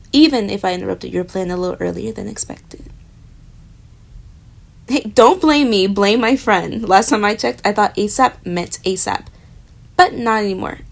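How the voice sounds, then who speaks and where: A young woman's medium-pitched, creaky voice brings a flustered, jealous roommate to life in a romantic audio roleplay. She speaks straight to the listener and lets her lines fade into gentle murmurs.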